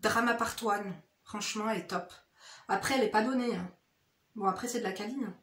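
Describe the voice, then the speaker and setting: With a mid-range, fairly bright voice and a fairly quick pace, a woman beauty vlogger chats her way through a get-ready-with-me makeup routine. She speaks to viewers directly and familiarly, full of slang and frequent "hein" tags, and the room echoes noticeably.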